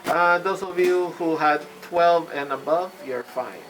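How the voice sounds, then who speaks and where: Slow-paced, higher-pitched male game master. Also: a bit bright, a little hiss or hum, rough recording. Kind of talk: narrating a live tabletop game.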